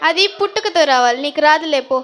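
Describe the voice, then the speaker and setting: A woman's voice: sits high, lively intonation, quick pace, fairly bright tone. A woman playing a vain, haughty TV actress. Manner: haughty and demanding. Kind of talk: church Christmas skit acting.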